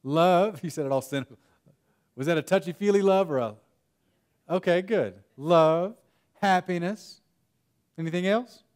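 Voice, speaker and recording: A young man giving a lively conference workshop talk, telling funny stories to the room. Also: high voice, moderate pace, pauses often. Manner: animated storytelling, jokes with the audience. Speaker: workshop speaker. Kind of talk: conference breakout presentation.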